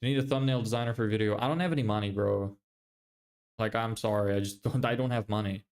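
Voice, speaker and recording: A man's voice: fairly low pitch, fairly even intonation, fast talker, darkish tone. A man hosting a casual live stream, reading viewer questions aloud and answering them loosely.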